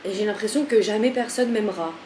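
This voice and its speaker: A woman's voice: mid-range voice, quick pace, mellow. Frazzled chatty woman vlogging at home. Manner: chatty and self-mocking, frazzled, talks to her cat. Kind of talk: casual daily vlog. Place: home kitchen. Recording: echoey kitchen with faint room noise.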